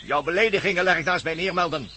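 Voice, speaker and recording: In a Dutch radio drama, a man plays a megalomaniac villain, gloating over his schemes in a menacing, pompous, theatrical manner. His high-pitched voice is natural and fast, with a grandiose, fanatical mood, and a loud crowd can be heard.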